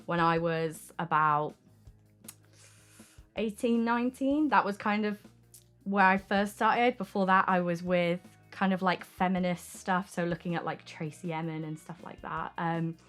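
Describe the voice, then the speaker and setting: A woman's voice: on the low side, measured pace, fairly bright tone. A young adult woman talking frankly and informally in an interview as an artist, often saying "like" and "um". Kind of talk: candid casual interview talk. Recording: music playing behind the voice. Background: music.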